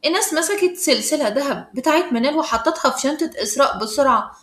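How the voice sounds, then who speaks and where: Egyptian lady telling a story, fast and bright, echoey room. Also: high voice, lively intonation. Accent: Egyptian Arabic. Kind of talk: storybook narration.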